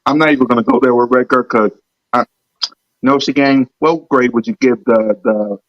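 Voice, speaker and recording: A man co-hosting a casual sports podcast, talking football in an animated, mocking way that slows to a drawl at times. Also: medium pitch, muffled recording, slight background noise. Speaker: podcast co-host.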